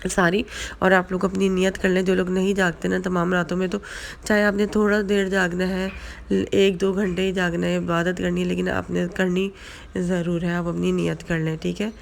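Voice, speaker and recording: A woman giving casual religious advice in a vlog, hoarse from a flu and sore throat, chatty and full of repeated fillers. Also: lowish voice, slight background noise. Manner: chatty, repeats fillers, mixes in English words. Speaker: vlogger.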